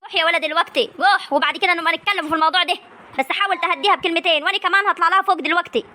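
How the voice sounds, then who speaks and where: A scolding older Egyptian village mother, played by a woman, rattles off her lines at top speed. The voice is very high and bright. She chides and soothes her quarrelling family in a comic drama. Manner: chiding, soothing, fast talk. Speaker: mother and aunt in a family feud.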